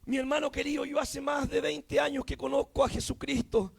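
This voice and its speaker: Preacher, man in his thirties; very high, gravelly voice; shouts his testimony in repeated refrains. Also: little pitch movement, brisk. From Chile. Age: 30s. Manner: impassioned, shouting, repetitive refrains. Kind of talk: fervent Pentecostal testimony sermon.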